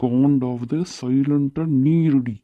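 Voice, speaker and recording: A man's voice: medium pitch, fairly even intonation, lightly acted. A man voicing a possessive, hot-tempered young husband in a cartoon. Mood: jealous. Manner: possessive, quick to anger. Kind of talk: cartoon voice acting. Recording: tinny phone-like lo-fi audio.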